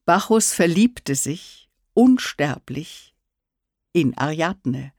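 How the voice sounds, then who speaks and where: A woman narrating, reciting classical verse in a measured, declamatory way with expressive swells. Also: low-pitched, dry recording, studio quality.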